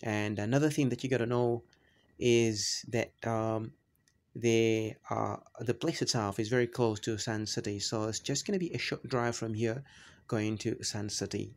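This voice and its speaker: Low-voiced guy narrating his travel vlog, pretty monotone, lots of uhs and restarts. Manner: halting, many fillers and restarts. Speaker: travel vlogger.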